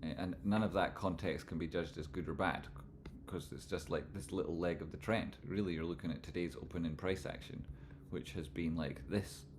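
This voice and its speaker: A man with a broad Scottish accent hosting a livestream, talking informally and loosely, not always crisply enunciated, as he comments on charts and chats with viewers. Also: sits low, moderate pace, hardly any pauses, darkish tone, slight background noise. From Scotland. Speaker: livestream host and trading analyst. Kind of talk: live chart commentary and casual chat with viewers.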